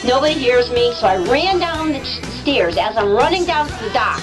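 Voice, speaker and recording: High-pitched, excitable woman storyteller. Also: fairly quick, over music, poor audio. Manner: animated, excitable, acts out quotes with big pitch jumps. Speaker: vlogger telling a travel story. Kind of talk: casual storytelling.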